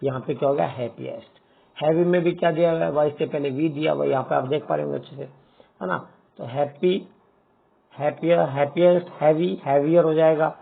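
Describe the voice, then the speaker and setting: Gravelly Hindi-speaking male teacher, tinny sound. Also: fairly high pitch. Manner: asks and answers his own questions, calls students dear children. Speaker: English teacher. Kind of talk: Hindi-medium grammar lesson.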